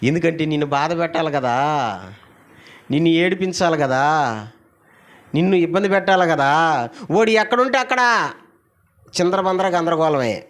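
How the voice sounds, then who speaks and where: A man in middle age preaches a Sunday sermon with a high, expressive voice that climbs and drops all over the place. He keeps calling on the congregation to answer him, then drops into low, quiet asides between the loud exclamations. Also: normal speed, pauses often. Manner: animated preaching, calls for congregation responses; asks the audience many rhetorical questions. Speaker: pastor.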